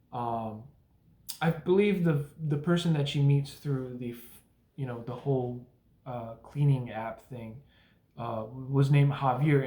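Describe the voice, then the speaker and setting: A man's voice: mid-range voice, darkish tone, roomy sound. A young man giving a casual spoken movie review, rambling with many fillers and restarts and cursing bluntly.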